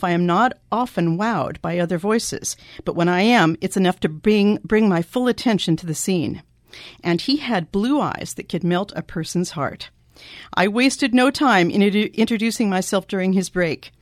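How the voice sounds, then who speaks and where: Female host, mid-pitched, upbeat presenter, dry close recording. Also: expressive, normal speed, no echo. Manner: enthusiastic, addresses listeners directly. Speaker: radio show host and singing teacher. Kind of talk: interview hosting.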